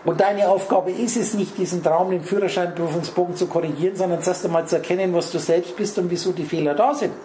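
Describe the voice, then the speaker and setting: A man's voice: high voice, fairly even intonation, fast talker, few pauses, warm tone, echoey room, poor audio. A man giving a spiritual lecture, rambling and speaking straight to his listeners with lots of wordplay. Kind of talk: spiritual lecture to a small audience. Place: lecture room.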